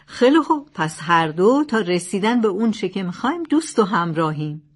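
A woman's voice: mid-range voice, big pitch swings. A scheming male thief from an old storybook tale, boastful and stubborn, as a woman reads him. He argues insistently and will not give ground. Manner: insistent, argumentative.

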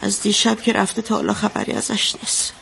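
A woman's voice: medium pitch, little pitch movement, vocal fry, slight background noise. An actress playing an anxious mother who recounts a bloody wedding in a radio drama, telling it vividly. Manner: vivid storytelling, shouting out the quotes she retells.

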